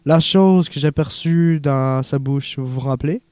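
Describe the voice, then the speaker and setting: A man voicing a young male refugee who dreams of acting, earnest and haunted, in a soft confiding way, for an audiobook. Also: on the high side, normal speed, smooth, dry recording, natural voice.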